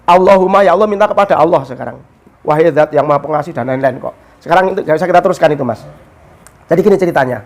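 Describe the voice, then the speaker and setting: A man's voice: fairly high pitch, rapid-fire. A man, a religious teacher explaining a story in casual talk and quoting Arabic texts. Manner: storytelling, mixes Arabic quotes with explanation, animated.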